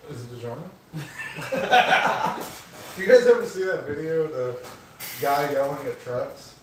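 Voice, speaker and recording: A man's voice: on the high side, expressive, a little slow, recorded from a distance, a crowd in the background. A man in casual livestream chat with his bandmates, joking and bantering about beer. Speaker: band member. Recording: roomy echo, off-mic, faint noise.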